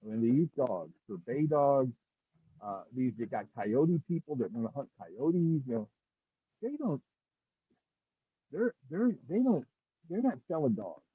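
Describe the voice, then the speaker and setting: A man's voice: medium pitch, very animated, unhurried, pauses often, no echo. A man talking casually as a dog breeder on a remote call, rambling with many restarts, his voice muffled as if heard through a wall. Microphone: earbuds on a remote call. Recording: muffled, husky, dry, phone-like remote call.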